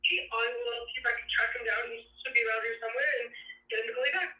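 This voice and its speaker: A woman's voice: on the high side, steady tone, rapid-fire, crowd noise, rough recording. A woman heard over a phone speaker, answering a call in a polite, helpful way. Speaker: office staff answering a call. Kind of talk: casual phone conversation.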